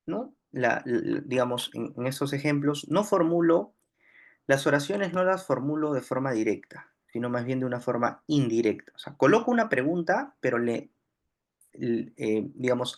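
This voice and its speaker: A man's voice: medium pitch, lively intonation, moderate pace. Patient Peruvian man teaching grammar. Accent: Peruvian Spanish. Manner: patient, repeats examples, many "eh" fillers and tag "¿no?". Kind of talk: grammar lesson explaining on screen.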